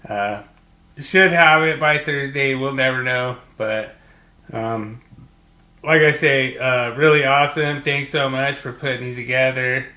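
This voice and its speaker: Guy co-hosting a podcast, bright voice, says dude a lot, echoey room. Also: mid-range voice, unhurried. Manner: enthusiastic, filler-heavy, says dude and like I say. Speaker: podcast co-host. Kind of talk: casual chat.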